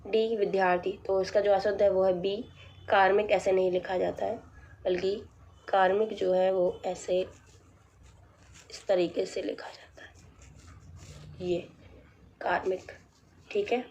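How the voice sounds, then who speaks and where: A woman teacher going through a practice test, reading out each option and then explaining the right answer in a plain, measured way. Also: medium pitch, flat delivery, a little mellow, lo-fi sound, slight background noise. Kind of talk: exam practice lesson.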